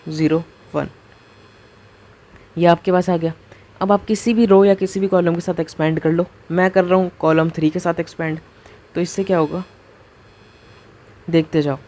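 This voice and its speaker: A man giving a casual math lecture, talking through each step as he writes and keeps asking the viewer quick rhetorical questions. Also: sits high, mellow. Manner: talks through each step while writing. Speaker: math teacher.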